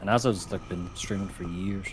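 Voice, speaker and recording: A man's voice: low voice, fairly even intonation, moderate pace, over music. A man with a Derry-Donegal Irish accent, chatting casually and swearing freely on a co-op gaming stream. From Derry, Northern Ireland. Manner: sweary, banter-filled.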